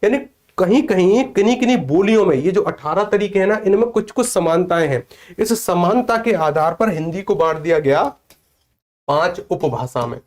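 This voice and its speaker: A man's voice: sits high, normal speed, darkish tone. A male teacher from northern India giving an exam coaching class, asking the students questions and answering them himself as he drills key points. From Vrindavan area, northern India. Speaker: Hindi teacher.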